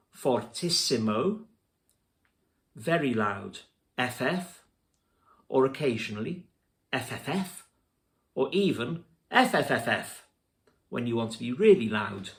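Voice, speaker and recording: A man teaching music theory, spelling out terms letter by letter in a slow, deliberate lesson narration. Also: mid-range voice, fairly bright tone.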